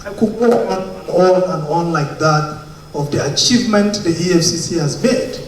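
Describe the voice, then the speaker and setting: A man with a Nigerian English accent speaks with a slightly higher pitch, pausing often. His voice rings in a very echoey hall and sounds far from the mic. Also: a little hiss or hum. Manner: hesitant with fillers. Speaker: institute president. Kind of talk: formal remarks.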